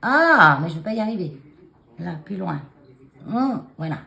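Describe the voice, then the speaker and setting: This fairly low, creaky voice is bright and forceful, very animated but measured in pace. At her desk, a craft vlogger chats casually to a phone camera on a taped stand about her handmade cards, clearing a frog in her throat and hesitating with plenty of fillers and restarts.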